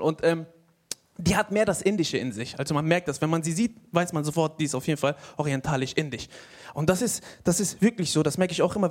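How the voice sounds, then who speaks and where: A young man of Palestinian origin doing a stand-up comedy set on stage, telling casual, slangy stories and acting out other people's voices. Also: a little high. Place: stage before a live audience. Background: audience laughter.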